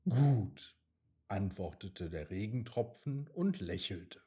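A man narrating a children's fable slowly, with very lively intonation. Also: medium pitch, slightly rough. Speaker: storyteller.

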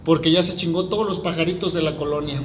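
A Mexican man bragging through crude jokes in comic banter. His voice sits high. The echoey room carries a steady hiss of noise. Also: fast. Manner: boastful storyteller, cracks crude jokes. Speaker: comedian. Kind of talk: joking banter on stage.

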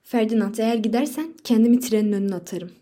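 A woman reading a story aloud voices a desperate, defiant young wife, speaking out loudly and passionately in a dark, mellow tone. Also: fairly high pitch, fast talker, close to an everyday voice. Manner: loud, impassioned pleading. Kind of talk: audiobook reading.

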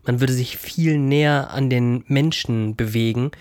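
A man's voice: medium pitch, measured pace, a little mellow, no room sound. Playful male podcast host, dry sound. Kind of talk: casual podcast chat.

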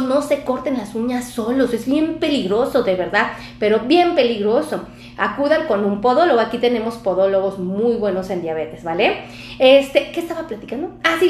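A woman's voice: high-pitched, roomy sound, slight background noise. A Mexican woman doctor chatting casually on a live stream with a Mexican accent, effusive and chatty as she reads out viewer comments. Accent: Mexican Spanish.

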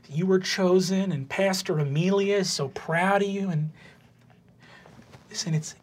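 A woman voicing a devout, fussy middle-aged paladin mother who nags and dotes in a high voice. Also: expressive, a bit bright, breathy edge, heavily acted. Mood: tearful, pleading. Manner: high, doting, quick nagging.

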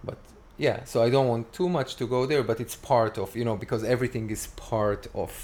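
A man in his forties with an Israeli accent, talking as a guest in a casual interview and often pausing to search for words. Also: mid-range voice, a little mellow. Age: 40s. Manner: halting, searching for words with many fillers.

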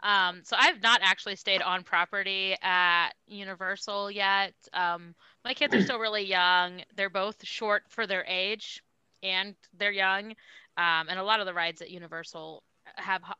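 A young woman hosts a relaxed podcast conversation, often pausing with ums. Her voice is bright and very clear, and the recording is dry. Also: mid-range voice, no echo, muffled recording. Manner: relaxed, hesitant with many ums. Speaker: podcast host. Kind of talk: casual chat.

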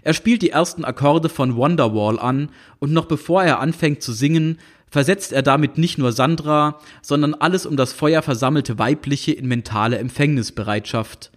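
A man's voice: on the high side, normal speed. A man reading a comic novel aloud, with wry, dry ironic storytelling. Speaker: audiobook reader. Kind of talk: scripted narration of a comic novel.

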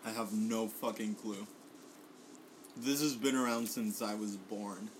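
A man's voice: on the low side, steady tone, unhurried, slight background noise, poor audio. A man from Puerto Rico chatting casually about food he brought, swearing often and filling gaps with ums and laughs. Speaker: guest bringing food. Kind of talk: casual food tasting chat.

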